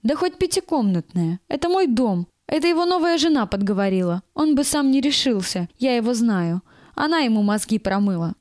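A woman reading aloud, doing a proud, embittered middle-aged kindergarten teacher from a storybook. She answers in short, bitter, clipped lines in a slightly high, dry voice. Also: expressive, brisk, darkish tone, no echo, natural voice.

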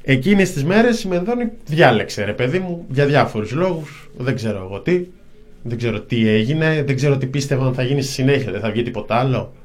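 A man's voice: mid-range voice, expressive. A man co-hosting a radio show, discussing politics in a loose, rambling way with frequent hedging. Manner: rambling, searching for words. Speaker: radio co-host. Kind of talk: casual political commentary on radio.

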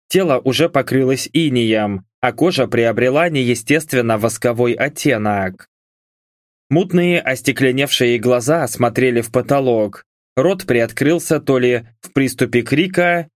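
A man's voice: medium pitch, animated, a little slow, no room sound. A man narrating a first-person audiobook with a dry, wry delivery.

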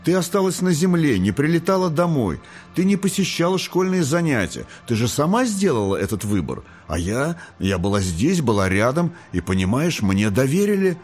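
A man reading an audiobook, voicing a gentle, timid young girl angel who pleads and frightens easily. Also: fairly high pitch, big pitch swings, normal speed, faint music behind, pitched above the performer's own voice. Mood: frightened.

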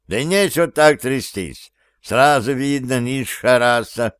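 A disdainful elf scholar, as a male narrator plays him, cool and unflappable in tone. His low, even voice is smooth and unhurried, dry and close in an audiobook reading. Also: dry recording, close to an everyday voice. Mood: contemptuous. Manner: icy, contemptuous, unflappable. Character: haughty elf professor, cold and disdainful.

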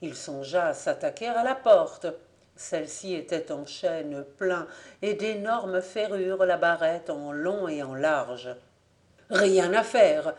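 A woman reading a volunteer audiobook as scripted narration. Her voice sits low and her delivery is slow and unhurried, measured and clear. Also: a little mellow. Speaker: audiobook reader.

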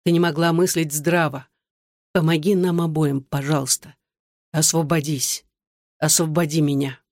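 A weary, hunted man speaks low and soothingly , as the audiobook narrator puts him on. The storybook reading is close and dry, with no room echo. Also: fairly even intonation, normal speed, darkish tone, natural voice. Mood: quiet.

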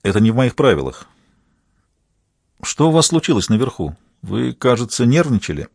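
A composed, courteous detective of forty who keeps his voice measured and level, with a husky edge, as a male audiobook reader plays him. The recording is dry and close. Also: mid-range voice, dry recording. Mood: polite. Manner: calm, polite, measured. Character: broad-shouldered man of forty, calm and courteous detective.

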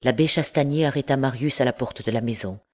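Woman reading a novel aloud. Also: rumbling low. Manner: measured, expressive reading. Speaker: audiobook narrator. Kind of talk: scripted narration.

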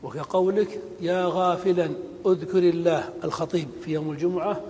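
A man teaching a grammar lesson, slow and deliberate, repeating each rule and giving spoken examples. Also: fairly even intonation, a little mellow. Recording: long hall reverb with faint rumble.

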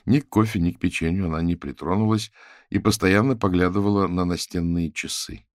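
A man narrating an audiobook in an even, steady storytelling manner. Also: low voice, fairly quick, dry recording, studio quality. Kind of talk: scripted narration.

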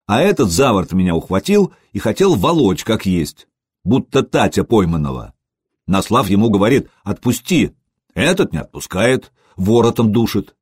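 A man's voice: lowish voice, sing-song, moderate pace, a little mellow, slightly rough, no echo, clean studio sound. A man voicing a young soldier who reports plainly to his chief. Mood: matter-of-fact.

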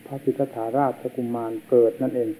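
A man, a monk, giving a slow and solemn sermon, heard on an old worn tape. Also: mid-range voice, level tone, warm tone, a little hiss or hum, low-quality recording. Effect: old worn tape recording.

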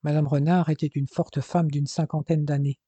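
Husky-voiced man narrating an audiobook. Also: a little high, flat delivery, moderate pace, dark tone, dry recording. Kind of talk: scripted narration. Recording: dull, dry lo-fi recording.

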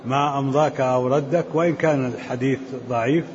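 A man teaching a lesson. He explains a text slowly and asks the reader short questions. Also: medium pitch, fairly even intonation. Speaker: sheikh teaching the book. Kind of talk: lecture commentary on a text. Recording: dull lo-fi recording with faint hiss.

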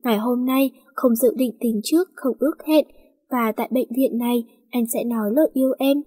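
A woman's voice: fairly high pitch, fairly even intonation, a little fast, breathy edge, dry recording. A woman voicing a young man who teases and then earnestly confesses his love. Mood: tender. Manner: gentle coaxing, earnest confession. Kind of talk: storybook reading.

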